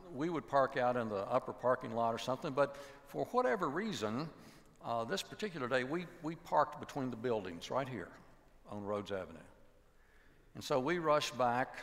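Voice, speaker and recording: An older pastor preaches in a large sanctuary, his gravelly voice ringing with a long reverb. He tells stories animatedly and acts out the voices of the people in them, sometimes dropping to a hush. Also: medium pitch. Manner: animated storytelling, acting out voices in quotes, dropping to a hushed voice. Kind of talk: sermon with storytelling. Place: large church sanctuary with choir behind.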